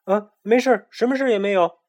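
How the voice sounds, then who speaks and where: 一个男人给一只脾气暴躁、守着秘密的胖小公鸡配音，说话尖声喊叫、带哭腔。. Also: male voice, high-pitched, expressive, a little fast, no echo, voice pushed up. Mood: frightened, snappy. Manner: whiny, shouting, sometimes wailing. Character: chubby young male chick, grumpy and secretive.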